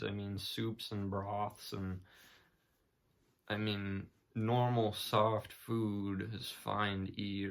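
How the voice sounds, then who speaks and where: A man's voice: fairly low pitch, vocal fry. A young man talking casually in an unscripted vlog, hesitant and matter-of-fact as he shares his experience. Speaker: vlogger sharing personal recovery experience.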